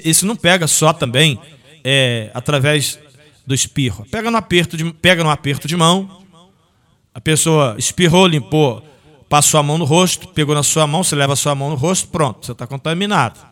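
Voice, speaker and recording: A man's voice: fairly high pitch, fairly bright tone. A man hosting a local radio sports show, chatting folksily with listeners and reading sponsor ads. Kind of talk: casual radio talk with live ad reads.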